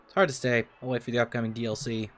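A man's voice: medium pitch, level tone, very fast, a bit bright, soft background music, natural voice. A man reading as a dry, offhand young hero.

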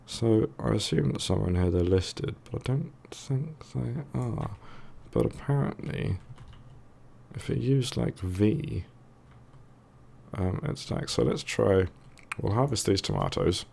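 A man's voice: fairly low pitch, expressive, a little slow, creaky, mellow, a little hiss or hum. A man with a thick, sore-throated voice giving casual, hesitant let's play commentary, musing to himself as he goes. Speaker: gaming video host.

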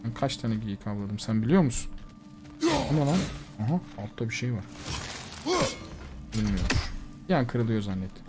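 A man giving casual let's-play commentary, swearing, talking back to the game and bursting out loudly. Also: on the low side, lively intonation, moderate pace, long pauses. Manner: swearing, talks back to the game, loud outbursts. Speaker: gamer streamer. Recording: loud game music behind.

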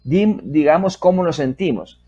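Husky man teaching step by step. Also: fairly high pitch, expressive, lo-fi sound. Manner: drills phrases slowly, then explains in Spanish with frequent "¿verdad?" checks; models English sentences slowly and loudly, then softly. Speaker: English teacher. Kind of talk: step-by-step English lesson.

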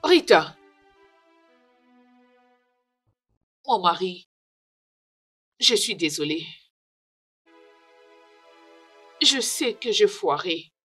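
A woman's voice: medium pitch, expressive, takes it slowly, fairly bright tone, slightly rough, soft background music, exaggerated voice. A woman voicing a remorseful estranged wife in a French film dub, crying and pleading desperately for forgiveness.

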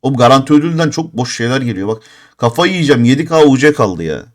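A man's voice: medium pitch, animated, quick pace. A man in his thirties streaming a mobile game live, talking casually and growing exasperated and cursing as he goes. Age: 30s. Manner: frustrated, exasperated, swearing in bursts.

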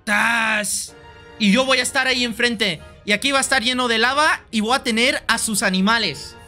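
A man's voice: extremely high pitch, normal speed, sharp tone. A young man with a Mexican Spanish accent, streaming a game live in a playful, rambling way, swearing casually and repeating his lines. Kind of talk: joking gameplay live stream. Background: faint background music.

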